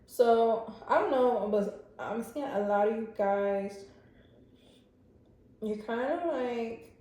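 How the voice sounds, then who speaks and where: A woman's voice: fairly high pitch, slow, dark tone. A woman giving a casual pick-a-card tarot reading, chatty and speaking straight to her viewers with lots of fillers. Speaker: tarot reader. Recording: very echoey room.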